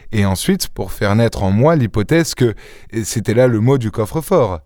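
A man reading an audiobook voices a boastful, witty gentleman thief with theatrical exclamations. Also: fairly low pitch, dry recording, studio quality, close to an everyday voice. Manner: theatrical, exclaiming, mock-indignant.

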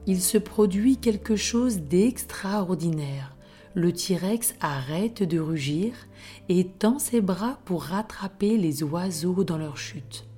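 A woman narrating a bedtime story for children in a soft, hushed manner, often dropping into a whisper. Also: lowish voice, lively intonation, slow, soft background music.

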